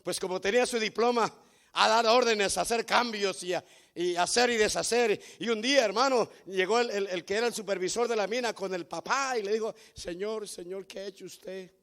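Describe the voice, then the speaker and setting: Male pastor preaching, highish voice, keeps saying hermano and getting loud. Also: brisk, creaky. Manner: storytelling preacher, repeats "hermano", builds to loud emphatic peaks. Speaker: founding pastor. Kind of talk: sermon.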